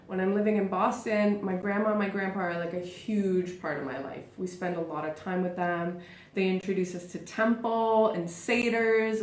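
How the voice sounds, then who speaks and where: A woman's voice: lowish voice, darkish tone, a little hiss or hum. A woman in her thirties hosting a live talk show, telling her own story in a theatrical, chatty, self-mocking way. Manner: chatty, with frequent "like" and "super". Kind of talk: live personal monologue. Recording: roomy echo.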